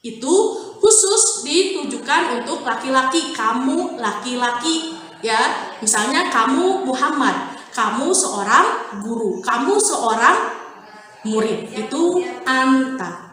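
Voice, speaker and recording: Slow sing-song Indonesian woman teacher. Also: sits high, expressive, sharp tone, distant mic. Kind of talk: recorded classroom lesson. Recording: heavy room echo, faint background hiss.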